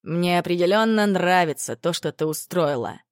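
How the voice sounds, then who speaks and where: A woman voicing a wry, smirking dark lord. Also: on the low side, moderate pace, no room sound, clean studio sound, lightly acted. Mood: teasing. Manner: teasing, gently smirking. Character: wry confident male dark lord, calm and protective.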